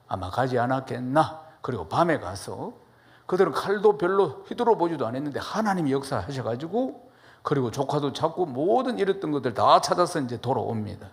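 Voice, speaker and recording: A middle-aged male pastor delivering a sermon, telling it like a story and opening with folksy humor. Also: medium pitch. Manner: storytelling preacher who opens with folksy humor; shifts pace and loudness for emphasis.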